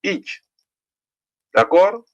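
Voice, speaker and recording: A middle-aged man with a Guinean French accent teaching a literacy lesson, slowly sounding out syllables and often checking in with the class. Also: a little mellow, dull audio. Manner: slow, deliberate, repeats each sound; checks in with "d'accord?".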